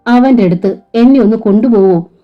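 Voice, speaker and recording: A woman's voice: fairly high pitch, a little fast, muffled recording, faint music behind, voice pushed up, close to an everyday voice. A woman reading as a grieving old father. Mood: pleading. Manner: pleading, choked with grief. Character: grieving old father pleading for his son.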